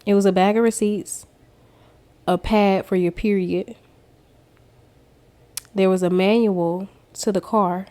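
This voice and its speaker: A woman's voice: mid-range voice, fairly even intonation, takes it slowly, pauses often, warm tone. A woman vlogger giving a casual personal testimony, talking straight to her viewers as she tells her story. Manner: chatty storyteller who addresses viewers directly. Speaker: faith vlogger.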